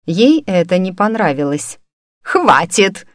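A woman narrating a fantasy audiobook in the first person, her voice sitting a little low. Her reading is steady and even. The recording is dry and close to the mic. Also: moderate pace, no echo.

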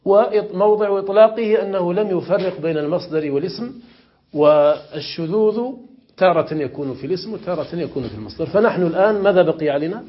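Sheikh teaching grammar, lo-fi recording. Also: male voice, high voice. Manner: questions students and repeats examples slowly. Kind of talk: classroom lesson explaining morphology.

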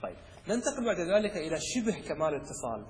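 Male teacher, slightly high voice, reverberant lecture hall, step-by-step explaining, slow careful recitation. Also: very animated. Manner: explains step by step and checks understanding with the class; recites verses slowly and clearly. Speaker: sheikh teaching Arabic rhetoric. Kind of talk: classroom lecture. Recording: long hall reverb with faint noise.

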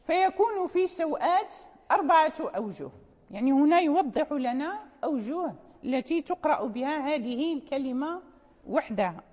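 A woman's voice: high-pitched, expressive, normal speed, darkish tone. A woman teaching a lecture on recitation rules, patiently explaining, repeating key terms and checking that her students follow. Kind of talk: classroom lecture. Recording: long hall reverb.

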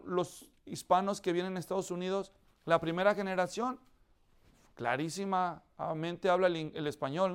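A man's voice: high-pitched, smooth. A man preaching a sermon to a congregation, explaining with everyday examples and often asking his listeners questions. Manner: asks the audience questions often.

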